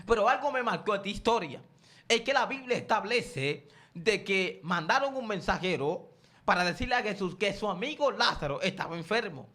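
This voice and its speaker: A man's voice: high-pitched, animated, moderate pace, bright, forceful tone. A man preaching a sermon, asking his listeners questions and then answering them himself, and calling on the congregation to respond.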